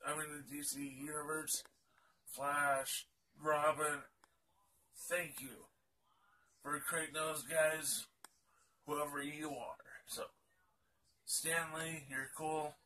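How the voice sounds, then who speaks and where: A man's voice: on the high side, little pitch movement, slow, pauses often, bright, forceful tone, slight background noise. Tired man rambling at a distance. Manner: rambling, many fillers and restarts. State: tired, sleepy. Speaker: YouTuber. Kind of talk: casual vlog talk.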